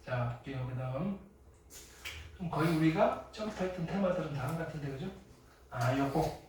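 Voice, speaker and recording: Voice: normal speed, recorded from a distance, a little hiss or hum. Emphatic teacher in echoey classroom. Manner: emphatic, keeps asking "됐나요?" and "알겠어요?"; lively, loud bursts then drops low. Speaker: high school math teacher. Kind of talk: classroom lecture.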